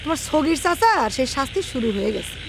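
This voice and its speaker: An actress playing a sharp, self-righteous wife. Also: female voice, sits high, sing-song, quick pace, gravelly, noisy background, full character voice.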